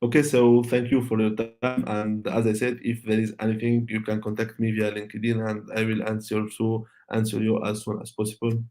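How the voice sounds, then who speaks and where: Speaking at a conference, this native Arabic speaker presents a tech talk online and answers questions. His pitch is fairly low, mellow and monotone, and he stumbles along with frequent fillers and false starts.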